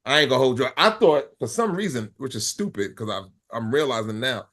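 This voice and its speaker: Animated man riffing on sports. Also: mid-range voice, a little fast. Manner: animated, cursing, laughs a lot, thinks aloud. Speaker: podcast co-host. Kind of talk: casual sports banter.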